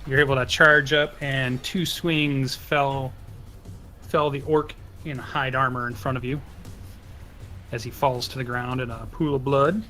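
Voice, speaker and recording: Man in the dungeon master's chair, mid-pitched, laid-back narration of a tabletop session. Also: a little slow, soft background music. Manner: relaxed, checking rules aloud with many fillers.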